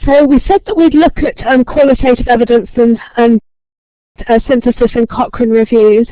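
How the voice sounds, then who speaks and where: A woman who talks quickly, with frequent ums, presents a lecture-style webinar and welcomes a large online audience. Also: on the high side, no room sound. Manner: fast-talking, friendly, many ums. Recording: tinny phone-line sound, dry.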